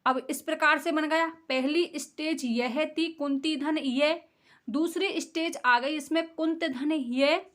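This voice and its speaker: A woman's voice: high voice, steady tone, slow pace, a bit bright. A woman teaching a grammar lesson, explaining step by step, asking her students questions and answering them herself.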